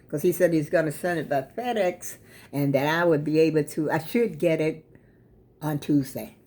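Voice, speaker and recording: A woman's voice: low voice, a little mellow. An American woman with plugged-up sinuses, chatting casually to her viewers in a folksy, rambling way. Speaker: vlogger. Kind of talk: casual chat vlog to viewers.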